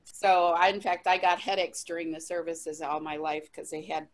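A woman, a traveling minister, giving a candid personal testimony as an interview guest, lively, with frequent laughter and restarts. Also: low voice, moderate pace.

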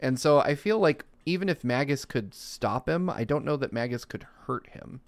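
Lively podcast host reading fan messages. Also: male voice, mid-range voice, normal speed, no room sound. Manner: animated, reads fan messages aloud with frequent laughs. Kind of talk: casual chat.

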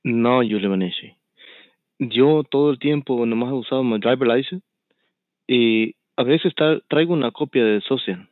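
A man's voice: mid-range voice, normal speed, no room sound. A man rambling through a heated call-in chat, stumbling over words and swearing as he explains himself. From United States. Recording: tinny phone line, dry.

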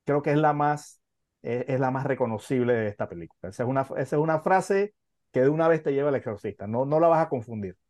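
A man's voice: mid-range voice, animated, fast talker, a little mellow, no room sound. Hesitant man chatting on a film podcast. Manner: hesitant, many fillers and restarts. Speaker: podcast co-host. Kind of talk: casual film podcast chat.

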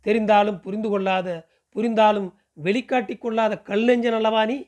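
Man voicing a proud young woman, bitter and sharp-tongued, high-pitched, from a storybook reading. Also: level tone, a little fast, natural voice.

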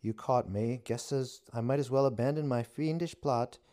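Guy doing a deadpan witch, teasing, pitched way up from his deep voice, storybook. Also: moderate pace, lightly acted. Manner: wry and teasing. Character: wry, deadpan witch facing death, woman.

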